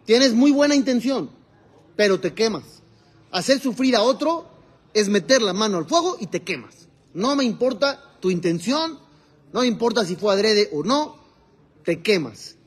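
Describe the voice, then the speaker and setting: High-voiced rabbi teaching a class. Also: male voice, big pitch swings, normal speed, husky. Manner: asks the class questions and answers them himself; quotes Hebrew texts and explains them. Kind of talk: religious lesson to a live group.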